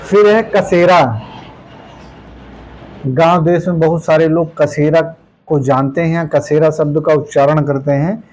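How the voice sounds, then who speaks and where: Patient, fairly high-voiced male Hindi teacher. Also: fairly even intonation, a little mellow, rough recording. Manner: repeats words slowly, tags lines with "ठीक है"; plain, patient explaining with everyday examples. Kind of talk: exam-prep grammar lesson.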